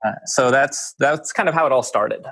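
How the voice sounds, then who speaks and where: A man's voice: mid-range voice, normal speed, a bit bright, no echo. A man in his thirties with an American accent, a guest on an interview podcast, speaking in a thoughtful, articulate way with many "kind of"s and "you know"s. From Switzerland. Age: 30s. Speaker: guest investor. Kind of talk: casual interview chat.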